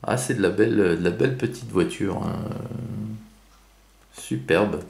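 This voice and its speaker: A man's voice: sits low, measured pace, gravelly, a little mellow, reverberant. A man giving casual unboxing commentary on toy cars, chatty, with many fillers and self-corrections.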